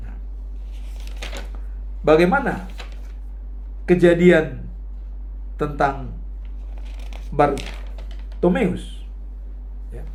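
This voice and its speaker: Slow, animated male preacher. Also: fairly high pitch. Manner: slow, emphatic preaching with rising outbursts when quoting. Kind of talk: sermon.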